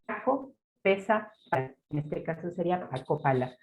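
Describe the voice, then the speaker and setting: A woman's voice: on the low side, expressive, normal speed. A woman with a Mexican Spanish accent giving an academic talk with slides. She explains methodically, step by step, with example words. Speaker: lecturer.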